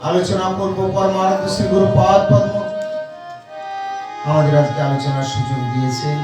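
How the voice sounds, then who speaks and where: A man delivers a devotional sermon, his high voice rising and falling in a sing-song chant. Every phrase rings out with a heavy cathedral-like echo, as if heard from far off in a vast hall. Instrumental music plays behind him. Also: moderate pace. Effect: heavy booming echo, like a cathedral. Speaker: preacher.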